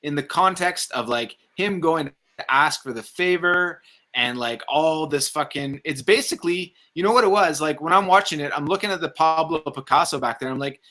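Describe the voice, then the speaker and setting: A film review show panelist with a slightly high, sharp-toned voice chats casually about movies. He's opinionated and rambling, and swears now and then.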